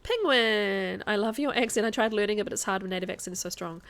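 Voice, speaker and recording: Casting: female game streamer with a light New Zealand accent, medium pitch, informal and talkative livestream delivery. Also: fast talker, fairly bright tone. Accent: mild New Zealand. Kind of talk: casual livestream chat over gameplay.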